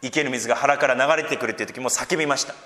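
A man preaching a sermon as pastor, lively and expressive, raising his voice when he quotes and slipping in gentle joking asides. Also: medium pitch, rapid-fire. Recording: long hall reverb.

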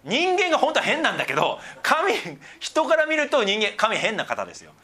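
A middle-aged pastor delivers a sermon, alternating between emphatic, raised passages and soft, murmured asides. His voice is extremely high-pitched, swooping wildly in pitch, and his pace is brisk.

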